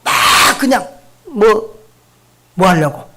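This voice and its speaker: A man's voice: sits high, expressive, takes it slowly, background noise. A middle-aged man preaching a sermon as pastor, speaking conversationally and putting questions to the congregation. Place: church sanctuary.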